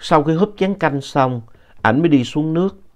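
A man narrating a ghost story in an unhurried, conversational way, adding explanatory asides. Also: fairly high pitch, animated, darkish tone. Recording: dull lo-fi audio.

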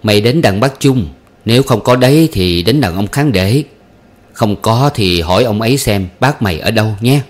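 A weary young wife in a read-aloud story, as a male narrator puts her on. She gives quiet, firm instructions. Her voice stays near his low natural tone. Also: lively intonation, moderate pace, close to an everyday voice. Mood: instructing. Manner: hushed, instructing.

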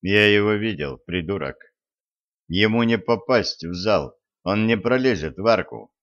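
A gruff warrior-sorcerer who barks short orders in a low voice, as voiced by a male audiobook reader. His delivery is slow and heavy, and the sound is muffled. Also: expressive, fairly bright tone. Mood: commanding. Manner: barking orders.

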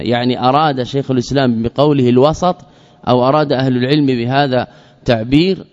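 A man teaching an Islamic creed text as a lesson, measured, often repeating key phrases and asking questions he then answers himself. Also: mid-range voice, a little mellow. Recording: dull lo-fi recording with long reverb.

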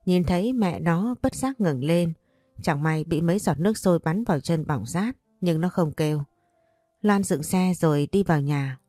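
A woman's voice: on the low side, a little mellow, dry recording, clean studio sound. Woman narrating a story. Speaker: audiobook narrator.

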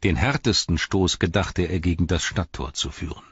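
A man reading a story aloud in a measured, grave way. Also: deep voice, fairly bright tone, slightly rough, no room sound. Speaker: audiobook narrator. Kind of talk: scripted narration. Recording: dull, dry recording.

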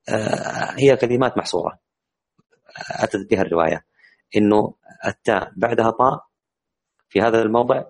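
In an online class on Quran recitation rules, a man with a lowish voice explains the material. He leans heavily on hesitant, stretched-out fillers.

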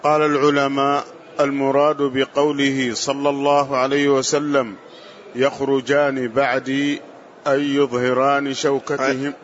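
Male student reader, slow, even and flat, lo-fi audio. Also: medium pitch. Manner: slow, flat, measured reading. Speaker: student reading the text aloud. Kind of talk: reading a classical text aloud in a lesson. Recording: dull lo-fi audio.

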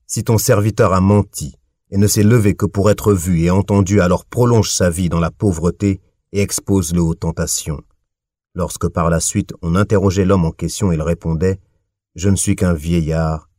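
A man giving a measured, steady reading of a religious text, adding formulaic honorifics as he goes. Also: sits low, dry recording, studio quality. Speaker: audiobook reader.

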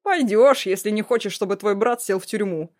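A woman voicing a cruel young man, a blackmailing ex-fiancé, in a loud, mocking, threatening way. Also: mid-range voice, steady tone, a little fast, lightly acted. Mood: menacing.

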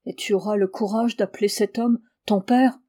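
A proud, anxious aging factory owner, voiced by a woman reading aloud. The voice is soft and lowered, with a mellow, dark tone, and the scene reads like a storybook. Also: fairly even intonation, moderate pace, lightly acted. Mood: troubled.

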